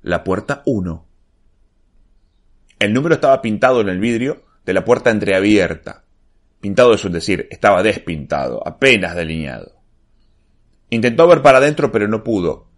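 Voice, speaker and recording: A man with an Argentine accent narrating a short story in a measured, expressive storytelling manner. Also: lowish voice. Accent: Argentine Spanish. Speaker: story reader. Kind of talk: literary narration.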